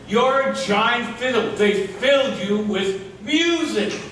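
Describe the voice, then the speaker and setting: A man's voice: very high-pitched, expressive, slow, fairly bright tone, exaggerated voice. A man playing an earnest, reflective comrade in a stage comedy. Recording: echoey noisy hall from far off.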